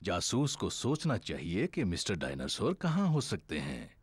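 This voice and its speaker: A man voicing a jolly, bumbling daddy pig in a Hindi cartoon dub, hearty and indulgent, with a husky voice. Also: deep voice, huge pitch swings, normal speed, background noise. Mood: thoughtful.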